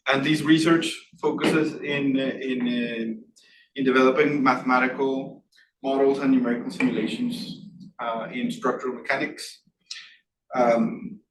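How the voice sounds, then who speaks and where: A man hosts a seminar and introduces the guest, stumbling through with many fillers. His voice sounds echoey and distant, with steady noise in the background of the room. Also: medium pitch. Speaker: seminar host introducing the speaker. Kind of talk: speaker introduction. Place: lecture room.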